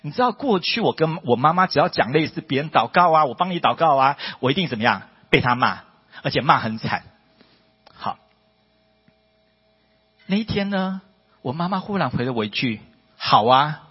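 A fairly high-voiced man preaching in a church hall, his pitch leaping up and down as he drives home his points. His voice is a little husky, and long reverb trails each phrase on a dull, lo-fi recording. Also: moderate pace, pauses often. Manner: emphatic, rhetorical questions, rising to high excited peaks. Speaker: preacher giving testimony. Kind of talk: sermon testimony.

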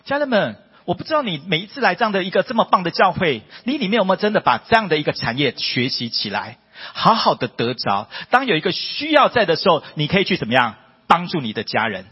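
A fairly high-voiced man preaching in a church hall, his pitch leaping up and down as he drives home his points. His voice is a little husky, and long reverb trails each phrase on a dull, lo-fi recording. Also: fast talker. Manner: emphatic, rhetorical questions, rising to high excited peaks. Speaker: preacher giving testimony. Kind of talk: sermon testimony.

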